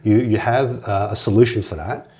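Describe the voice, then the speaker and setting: A man hosts a relaxed interview podcast with a somewhat low voice. He talks in a loose, chatty way, stumbling over words and repeating them as he works out his thoughts. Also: normal speed. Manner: repeats words and restarts often. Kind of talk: casual conversational interview.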